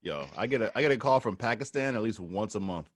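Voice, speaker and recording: A man's voice: fairly low pitch, expressive, fast, no room sound, studio quality. A man co-hosting a casual podcast, chiming in with playful complaints. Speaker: podcast co-host.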